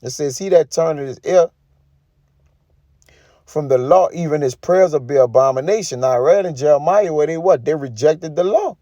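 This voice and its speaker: Reading scripture and adding emphatic, colloquial commentary full of tag questions, a preacher delivers an informal sermon. His voice is fairly high and mellow at a moderate pace, with dull audio and no room sound.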